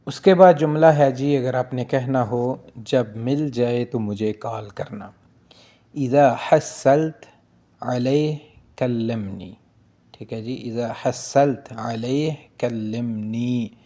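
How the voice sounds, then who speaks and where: A man giving a casual spoken language lesson, going slowly and repeating each phrase with "ठीक है जी". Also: mid-range voice, warm tone. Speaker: language teacher.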